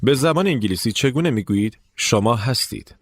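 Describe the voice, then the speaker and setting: A man's voice: medium pitch, expressive, dry recording, clean studio sound. Man narrating a language lesson. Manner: clear, explaining step by step with spoken prompts to repeat. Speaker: English teacher narrating the course. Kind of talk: scripted instructional narration.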